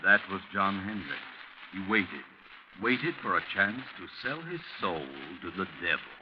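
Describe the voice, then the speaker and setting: A man playing a sinister, all-knowing mystery narrator in 1940s radio style, ominous and mocking, with theatrical pauses on an old recording. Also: sits low, animated, lo-fi sound, a little hiss or hum. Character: the Whistler, sinister all-knowing male narrator of night tales. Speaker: narrator host.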